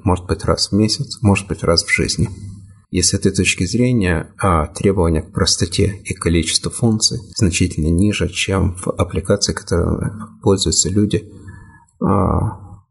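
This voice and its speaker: A man with a very low voice explains software platforms at an unhurried pace. His tone is gravelly and slightly husky, and he pauses often to search for words. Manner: measured, hesitant with frequent fillers. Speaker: software developer. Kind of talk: technical discussion.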